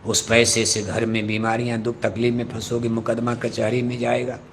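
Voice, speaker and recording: A man preaching a devotional sermon into a microphone, firing off rhetorical questions and leading the crowd in shouted call-and-response. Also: mid-range voice, completely flat delivery, normal speed, a little hiss or hum. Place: open gathering before a large audience.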